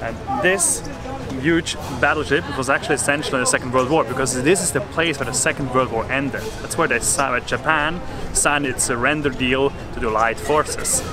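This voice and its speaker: A man's voice: mid-range voice, normal speed, loud music behind the voice. A man in his thirties, a Swiss German native speaker, chatting casually as a travel vlogger while showing sights outdoors. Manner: upbeat, chatty, explaining sights. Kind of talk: casual travel vlog narration. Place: outdoors on a battleship deck.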